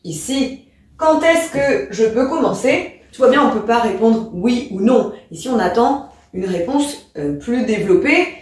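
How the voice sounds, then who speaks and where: Lively echoey French-speaking teacher woman. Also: a little high, measured pace. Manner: addresses the pupil informally, demonstrating rising and falling intonation. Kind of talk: explaining a lesson. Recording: echoey room, distant from mic.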